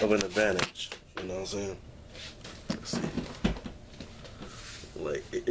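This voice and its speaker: A man's voice: fairly low pitch, slight background noise. A young man talking to his camera at home in a rambling, downbeat personal vlog, full of restarts and sighs. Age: young adult. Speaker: vlogger. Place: at home, indoors.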